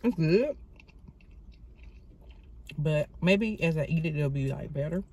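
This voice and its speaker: A woman's voice: sits low, animated, takes it slowly, a little mellow, breathy edge. A woman chatting casually to her viewers as a vlogger, calling them y'all while talking into her phone camera in a car. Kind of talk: casual vlog chat.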